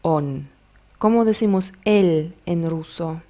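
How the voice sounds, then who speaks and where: Slow, patient woman language teacher. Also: fairly low pitch, warm tone. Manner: slow, patient drilling of words, modeling pronunciation. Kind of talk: video language lesson.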